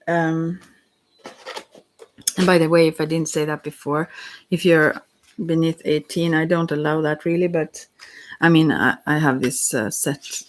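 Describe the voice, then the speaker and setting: An ASMR tarot reader with a mid-range voice speaks softly and gently, addressing the listener directly. She meanders along with pauses and restarts.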